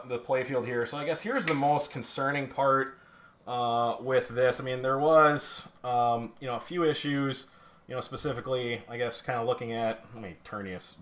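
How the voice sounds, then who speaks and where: This pinball restorer's voice is mid-range and slightly bright. On his teardown live stream, with the playfield shown up close on camera, he chats loosely and self-deprecatingly, piling on fillers and false starts.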